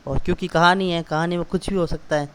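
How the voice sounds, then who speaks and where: A man's voice: on the high side, fairly even intonation, fast talker, a bit bright, slight background noise. A man teaching a school class, patiently explaining word by word and repeating questions for the students. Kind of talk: classroom lesson explaining a text.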